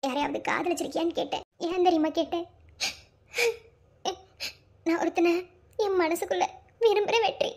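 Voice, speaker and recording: A very high-voiced proud young woman collector, lovesick. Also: slight background noise. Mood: confiding. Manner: bossy with family, soft and halting when confessing. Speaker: district collector in love. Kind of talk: television drama acting.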